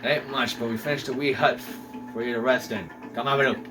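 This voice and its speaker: A man voicing a gruff, rough-spoken male sailor while reading game dialogue aloud. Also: medium pitch, steady tone, brisk, far from the mic, background noise, pitched below the performer's own voice, natural voice. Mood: friendly. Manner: gruff, rough working-class talk.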